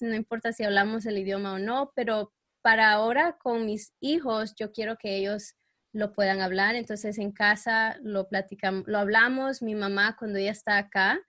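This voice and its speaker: A middle-aged woman from El Salvador, raised in New York, talks as a guest in a relaxed podcast interview. She pauses often, fills gaps with small sounds, and now and then searches for a word. Her voice sits at an average pitch and is recorded dry, with no room sound. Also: no room sound. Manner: hesitant, frequent fillers, searches for words. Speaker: guest expert.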